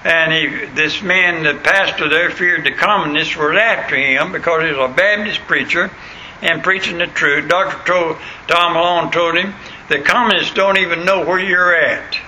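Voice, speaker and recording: A man preaches in a homespun rural American country voice that sits a little high and cuts through with a very sharp, bright edge. His diction is plain and unschooled, and he tells stories and reads scripture, checking in with listeners as he goes. There is noticeable noise on the recording. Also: fairly even intonation, moderate pace. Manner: folksy, punctuates points with questions to listeners. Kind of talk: sermon with anecdotes and scripture reading. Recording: clearly noisy recording.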